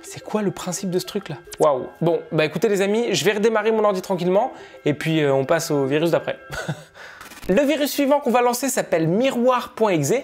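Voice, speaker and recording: A man's voice: high-pitched, expressive, fairly quick, a little mellow, faint music behind. A young man in a reaction vlog, jittery and laughing, who repeats himself when uneasy, talking into a headset mic. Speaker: gaming and tech YouTuber.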